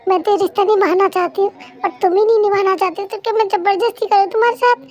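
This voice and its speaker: A woman voicing a talkative, dramatic young wife who argues fast and indignantly in a fan-made dub. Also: extremely high pitch. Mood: hurt. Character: chatty, dramatic young wife, quick to tears. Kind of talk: fan Hindi dub role-play.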